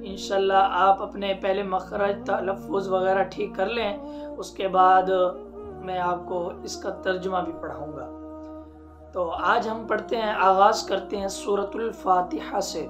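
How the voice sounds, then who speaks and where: A man's voice: sits high, steady tone, over music. Man teaching Quran recitation, melodic chanting. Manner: patient explaining, drawn-out melodic recitation examples. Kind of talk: religious lesson with chanted recitation.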